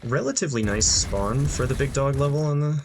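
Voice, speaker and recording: A man's voice: mid-range voice, lively intonation, a little fast, noisy background. A young man giving casual gameplay commentary, thinking aloud with frequent ums and dry asides. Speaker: gameplay streamer. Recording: game music playing underneath. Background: game music.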